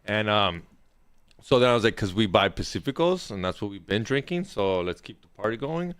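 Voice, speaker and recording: Bright-voiced young man spinning a profane story. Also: lowish voice, a little fast, clear, resonant tone. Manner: slangy, profane, animated retelling. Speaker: podcast co-host. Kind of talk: casual storytelling.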